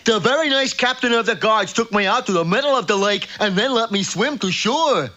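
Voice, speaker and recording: Very high, bright young lad. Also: male voice, expressive, a little fast. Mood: guileless. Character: naive, cheerful young lad, fairy-tale hero. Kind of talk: exaggerated cartoon voice acting. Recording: dull old cartoon soundtrack.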